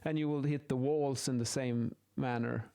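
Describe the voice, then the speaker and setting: His voice is medium-pitched, warm, clear and resonant, with fairly even intonation and a normal speed. The man teaches acoustics measurement informally, making it up as he sketches and revising his statements as he thinks aloud.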